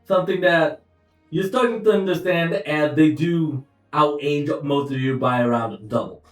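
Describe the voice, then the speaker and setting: A young man running a tabletop game, casually recapping and setting the scene in a loose, rambling way with frequent pauses and self-corrections. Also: fairly high pitch. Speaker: game master. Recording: roomy echo, distant mic, faint music behind.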